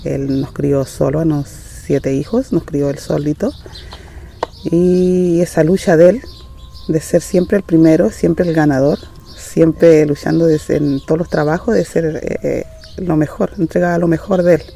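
A woman's voice: low-pitched, steady tone, measured pace, gravelly, warm tone. A woman, a rural farmer and community leader talking earnestly and determinedly, often restarting her sentences. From Valle de Azapa, northern Chile. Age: 60s. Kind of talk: casual testimony.

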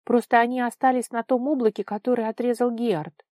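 A woman voicing a timid young sky-dwelling girl in a storybook reading, speaking in an anxious, hushed way. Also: a little high, steady tone, a little fast, no room sound, clean studio sound, pitched above the performer's own voice, lightly acted.

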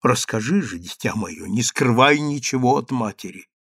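A man's voice: mid-range voice, animated, moderate pace, a bit bright, no echo, clean studio sound. A man voicing a stern grieving mother. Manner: stern and insistent. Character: stern grieving mother, commanding then pleading.

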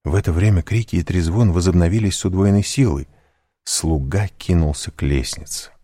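Deep-voiced man reading a novel aloud. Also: a little fast, mellow, dry recording, clean studio sound. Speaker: audiobook narrator. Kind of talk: scripted narration.

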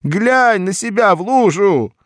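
A man doing a shrill, wailing scolding wife. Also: lively intonation, takes it slowly, dry recording, studio quality. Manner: wailing, scolding at the top of her voice. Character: shrewish working-class wife, shrill, scolding.

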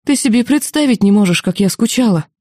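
A woman's voice: mid-range voice, animated, brisk, darkish tone, no echo, clean studio sound, lightly acted. Woman narrator as strict female mentor, strained and emotional, audiobook. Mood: sobbing. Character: tough female mentor, marquise, breaking into sobs.

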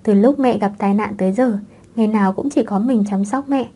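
An audiobook narrator with a mellow, dark, mid-range voice reads a web novel aloud. Her scripted delivery is brisk yet calm and steady in its storytelling.

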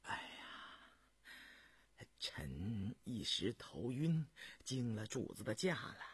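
A man voicing a weak, elderly male chief minister who speaks slowly in a hushed, breathy voice. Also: very animated, no echo, full character voice. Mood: weak, apologetic. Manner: low, hushed and slow with breathy sighs. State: weak from hunger. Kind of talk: storytelling radio reading.

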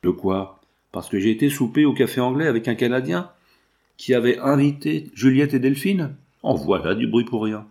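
A man's voice: mid-range voice, lively intonation, normal speed, a little mellow, lightly acted. A man reading aloud, putting on the voice of a bold, cheeky red-haired young showgirl who scolds and teases. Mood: indignant. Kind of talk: audiobook reading.

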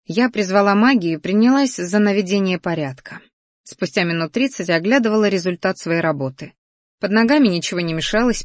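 A woman reading a first-person fantasy audiobook in a lively, expressive way. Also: mid-range voice, no room sound, studio quality. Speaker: audiobook narrator.

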